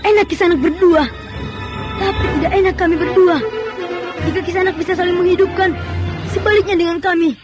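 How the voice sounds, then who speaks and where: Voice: very high-pitched, fairly even intonation, a little fast, pauses often. A performer playing a bold, taunting young fighter in an old radio drama, with theatrical delivery. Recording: music under radio drama.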